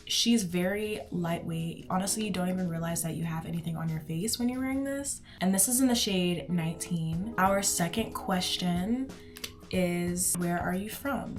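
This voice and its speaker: Young beauty vlogger, woman with a low-pitched voice, rambly makeup chatter, soft music behind. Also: normal speed. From Houston, Texas. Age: 20s. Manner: chatty, rambling, says "like" often. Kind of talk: casual chat while doing makeup.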